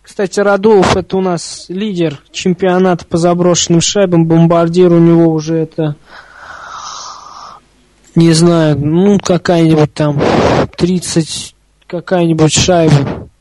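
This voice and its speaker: High-voiced man calling hockey, partisan and informal. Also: level tone, unhurried, dark tone, rough recording. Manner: openly partisan fan, chatty and colloquial. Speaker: hockey commentator. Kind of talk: informal live hockey play-by-play commentary.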